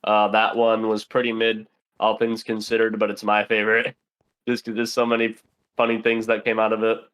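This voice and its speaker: A man's voice: fairly low pitch, completely flat delivery, normal speed, a bit bright, smooth. A young man, a podcast guest, chatting casually and rambling with lots of fillers while playing a game. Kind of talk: casual chat while gaming.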